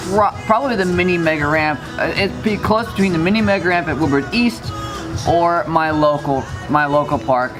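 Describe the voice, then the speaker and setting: A man's voice: fairly high pitch, moderate pace, music in the background. A man talking casually as a guest on a vlog, often repeating and rephrasing himself. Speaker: vlog guest, action sports rider. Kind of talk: casual chat.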